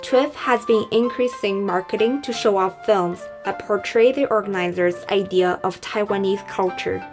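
A woman reading scripted documentary narration in a measured, even way. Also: mid-range voice, poor audio. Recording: voice-over with loud music behind.

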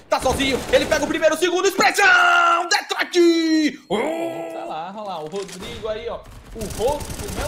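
A man with a Brazilian accent calling esports play-by-play, with rapid excited calls that break into shouts. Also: sits high, background noise. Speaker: play-by-play caster.

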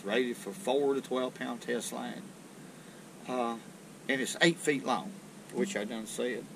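An older fishing channel host with a drawl explains tackle in a rambling, folksy how-to chat from a small boat on a river. His medium-pitched voice is steady, a little slow, with vocal fry, and the boat-mounted action camera catches background noise.

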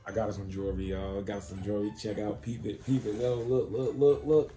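Teasing slangy man, mellow voice. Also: on the low side, level tone, fairly quick, soft background music. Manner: playful, insistent, slangy, teasing. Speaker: prankster boyfriend, channel host. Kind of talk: casual prank vlog banter. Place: home, indoors.

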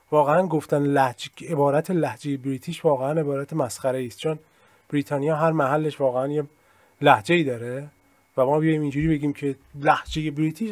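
Man explaining a lesson, first language Persian, fairly high voice, dry close sound, modest asides. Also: a little mellow, no echo. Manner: explains at length, hedges modestly, leans on examples. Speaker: English teacher. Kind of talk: recorded screen-share lesson.

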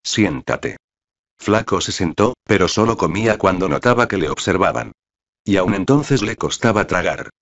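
A man narrates an audiobook with steady, even storytelling. His voice sits very low, and the recording sounds dull and lo-fi. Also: normal speed. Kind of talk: scripted narration.

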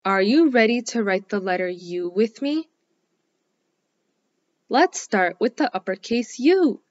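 A woman teaching a scripted phonics lesson for young children, speaking slowly and clearly in an encouraging way. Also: fairly high pitch, animated, darkish tone, highs cut off. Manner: slow, clearly enunciated, encouraging.

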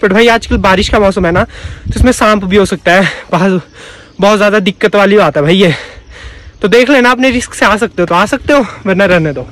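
Filming with his phone at arm's length, a chatty young man jokes his way through a cave challenge, saying bhai to his friend again and again. He speaks a little fast in a fairly high voice for a male, with no room sound. Scenes move between an outdoor green hillside and a tight cave.

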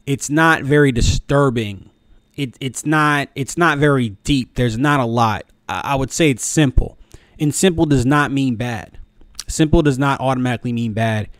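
Halting, casual man on a dry mic. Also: medium pitch, no room sound. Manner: halting, repeats words. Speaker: video commentator. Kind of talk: casual review commentary. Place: small room at home. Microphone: close desk microphone, headphones on.

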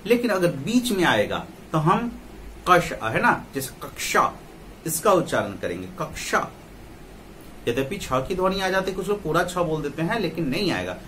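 A man teaching pronunciation in a lecture, his pitch sitting a bit high and swinging widely as he explains. He spells out sounds one at a time and poses rhetorical questions to his listeners. A faint hiss of background noise sits under the voice. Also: big pitch swings, a little fast, a bit bright. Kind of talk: spoken lecture.

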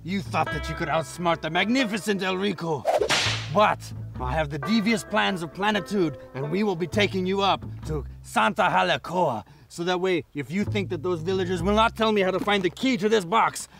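A man playing a pompous evil bandit boss in a comic skit, with slow theatrical villain menace. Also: high voice, creaky, over music. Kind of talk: comic promo skit acting. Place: outdoors on a dirt road.

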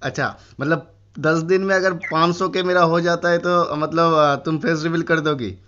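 Chatty young gamer. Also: male voice, moderate pace, lo-fi sound. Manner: chatty, switches from excited to low and subdued. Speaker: gaming YouTuber. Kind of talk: casual gaming commentary.

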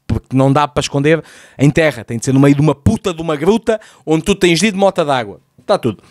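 A man rattles through a comedic TV recap in a high, quick voice. He is sarcastic and swears freely. The recording is dry and close. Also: no echo. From Lisbon, Portugal. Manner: sarcastic, profane, exasperated.

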